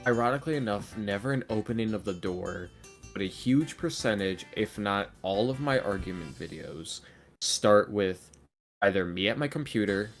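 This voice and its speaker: A young man with a low voice, an ASMR roleplay audio creator appearing as a podcast guest, chats casually. He's animated and self-deprecating, joking in an exasperated, slangy way.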